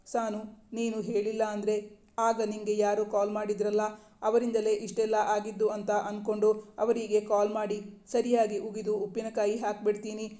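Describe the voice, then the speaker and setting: A doting young husband coaxes his wife in a soft, pleading way, as a woman reads him in her own voice. His voice stays mellow and level, with hardly any rise or fall. It is a storybook reading. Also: mid-range voice, completely flat delivery, moderate pace, natural voice. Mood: worried. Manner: softly pleading, affectionate.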